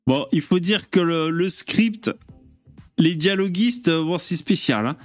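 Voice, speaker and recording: A man's voice: on the high side, animated, unhurried, faint music behind. A man hosting a casual live stream, chatting with viewers in a loose, hesitant way with lots of fillers and curse words. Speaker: host.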